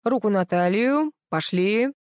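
A woman's voice: mid-range voice, animated, a little slow, a little mellow, no echo, studio quality, pitched above the performer's own voice, natural voice. A woman voicing an impatient male show director who barks orders at contestants. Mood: commanding. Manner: barking commands.

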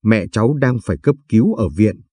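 A man's voice: on the low side, lively intonation, fairly quick, warm tone, dry recording. A man voicing an older neighbor urgently calling with alarming news. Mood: panicked.

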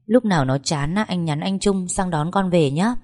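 A woman reading the lines of a cheerful young woman in a hurry to go on duty, friendly and quick. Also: fairly low pitch, darkish tone, lightly acted.

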